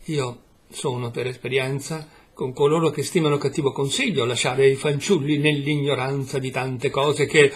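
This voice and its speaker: A man reading a pained, husky confessing gentleman. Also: medium pitch. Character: troubled middle-aged man haunted by his past. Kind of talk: audiobook reading.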